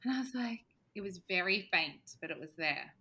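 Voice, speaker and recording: A woman in her thirties tells her story as a guest on a remote call. Her voice is bright and ringing. She talks casually and animatedly, laughing often. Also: medium pitch, lively intonation, moderate pace. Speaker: podcast guest.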